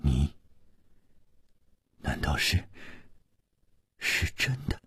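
A man voicing a proud woman martial master in an audiobook, speaking low, hoarse and hushed, almost whispering. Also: sing-song, very slow, no room sound, studio quality, exaggerated voice. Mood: hushed, shaken. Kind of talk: audiobook character voice.

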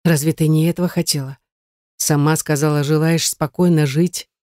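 A woman reading a stern, domineering husband in a lowered, curt voice. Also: fairly even intonation, normal speed, warm tone, no echo, clean studio sound, close to an everyday voice. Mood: placating.

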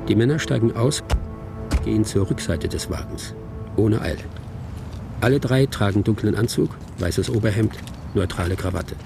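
A gravelly, low-leaning male voice with lively intonation reads at a moderate pace, playing the detached narrator of a film screenplay in a radio drama. The short present-tense observations sound detached and suspenseful, and music sits under the voice.

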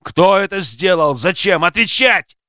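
A furious rough rescuer growls and barks his threats in a low, menacing voice, as a male narrator puts him on. The tone drops below the reader's usual voice and turns hushed and harsh. The sound is close and dry. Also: lively intonation, measured pace, dry recording. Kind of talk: audiobook character voice.

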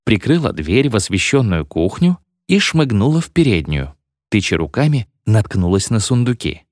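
A man reading a story aloud, expressive and acting out the characters. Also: fairly low pitch, moderate pace, dry recording, clean studio sound. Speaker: narrator. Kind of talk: scripted narration of a story.

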